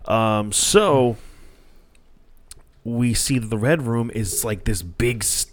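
A man's voice: medium pitch, takes it slowly. A man hosting a podcast, recapping a movie in a casual, rambling way, swearing freely and restarting his sentences. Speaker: podcast host.

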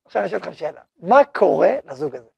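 A man's voice: high-pitched, vocal fry, muffled recording, background noise. A man teaching a spoken religious lesson to students, telling everyday stories with acted-out dialogue and asking the class questions. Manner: animated storytelling, acting out short dialogues; asks the class questions and answers them. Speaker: yeshiva head teaching a class.

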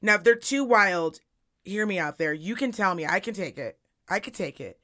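A woman co-hosting a casual podcast, her voice hoarse, raspy and strained as if nearly gone, talking bluntly with plenty of slang. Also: medium pitch, lively intonation, moderate pace, pushed and bright. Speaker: podcast co-host. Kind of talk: casual chat. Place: studio.

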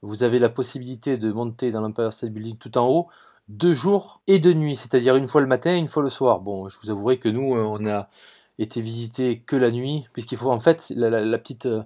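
A man with a southern French Marseille accent hosts a travel podcast and tells his stories with eager enthusiasm. He repeats words and restarts sentences as he goes, speaks to his listeners directly, and his voice sits in a middle pitch. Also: a little fast, mellow. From southern France. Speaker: podcast host. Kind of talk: travel storytelling.

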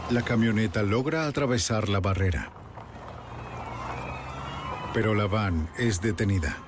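A man's voice: on the low side, measured pace, noisy background. A man narrating a crime documentary in a dramatic, scripted style. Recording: music bed under the voice. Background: dramatic background music.

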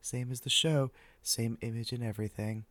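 An older man hosting an ASMR podcast, speaking softly and whispering close into the ear in a wry, deadpan ramble. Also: medium pitch, moderate pace, dry recording. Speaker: podcast host. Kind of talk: soft ASMR podcast monologue.

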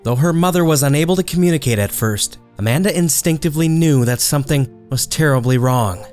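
A man hosting a podcast, reading a grave, measured true-crime narration. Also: a little high, darkish tone, faint music behind. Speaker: podcast host.

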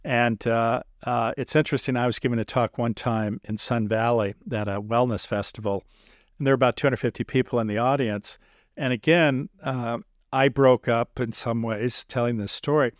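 A man hosting an interview, speaking in a measured, earnest way with many pauses and filler sounds. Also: medium pitch, steady tone, no room sound, studio quality. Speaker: podcast host interviewing a guest. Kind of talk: reflective interview talk.

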